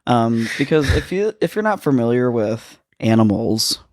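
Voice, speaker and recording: A man co-hosting a podcast, explaining a topic in a chatty, casual way with fillers and quick asides. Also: medium pitch, sing-song, darkish tone, dry recording, clean studio sound. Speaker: podcast co-host. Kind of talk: casual chat.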